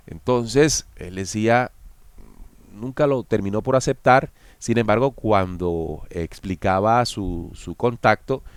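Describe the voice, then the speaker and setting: Low-voiced man giving an analytical commentary. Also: no echo. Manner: explanatory, addresses viewers directly. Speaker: host.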